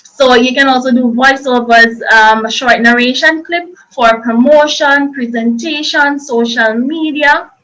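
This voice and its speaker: A woman's voice: sits high, measured pace, hardly any pauses, a bit bright, poor audio. A woman presenting an informal online workshop, explaining things in a chatty, loose and repetitive way.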